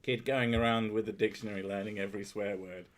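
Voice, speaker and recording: A streamer host with a fairly low voice, little pitch movement and a quick pace chats casually with his partner on stream. He swears freely, mocks himself and laughs loudly, recorded through headphones and a desk mic.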